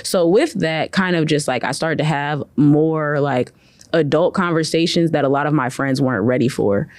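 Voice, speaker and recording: A woman's voice: deep voice, normal speed, darkish tone, no room sound. Chatty young woman, dry close voice. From from Cleveland, Ohio. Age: young adult. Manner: chatty, full of "like" fillers. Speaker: guest. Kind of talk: casual interview conversation.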